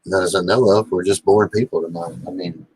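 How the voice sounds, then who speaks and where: A man's voice: deep voice, fairly even intonation, fast, slightly rough, dry recording, rough recording. A man co-hosting a casual farm livestream, bantering in an offhand way. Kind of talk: casual chat.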